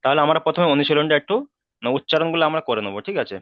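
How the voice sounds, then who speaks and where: A man's voice: on the high side, expressive, no room sound, muffled recording. Patient man teaching Quran reading. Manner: patient, repeats each syllable slowly for students to follow. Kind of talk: step-by-step recitation lesson.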